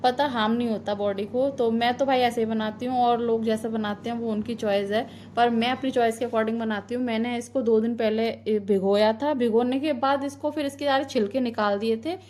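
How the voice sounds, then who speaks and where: A woman's voice: a little high, fairly even intonation, moderate pace, few pauses, a little mellow, slight background noise. A woman in her thirties, a mother, talking casually through a family vlog with a homely, advice-giving manner. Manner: chatty, homely, advice-giving, drifting into heartfelt reflection.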